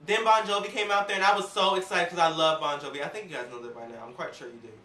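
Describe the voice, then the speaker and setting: A woman casually reviewing an awards show in a sassy, animated, gossipy way, acting out quotes as she talks. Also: fairly low pitch, rapid-fire, far from the mic. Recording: roomy, off-mic home recording.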